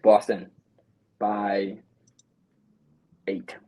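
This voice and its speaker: A man hosting a casual sports chat, talking through a game in an animated way and peppering it with "you know" and "bro.". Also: fairly low pitch, very slow, rough recording. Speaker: podcast host.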